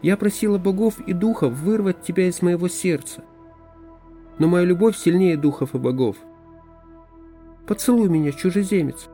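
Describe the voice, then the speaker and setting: A woman's voice: on the low side, normal speed, long pauses, mellow, soft background music, voice pushed up, natural voice. A man voicing a passionate young forest woman, pleading and intense in an audiobook.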